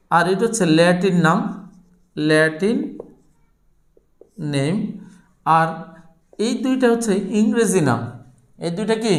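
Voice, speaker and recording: A man teaching a chemistry lesson to students, posing questions and answering them himself and repeating key terms. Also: sits high. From Bangladesh. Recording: roomy echo.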